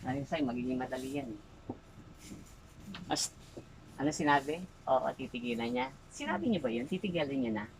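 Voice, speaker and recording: A woman folk healer runs an exorcism and fires the same short questions again and again. Her pitch swings widely from low mutters to sharp high demands. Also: lively intonation, a little fast, long pauses, background noise. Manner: insistent, repeating short questions. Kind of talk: exorcism interrogation.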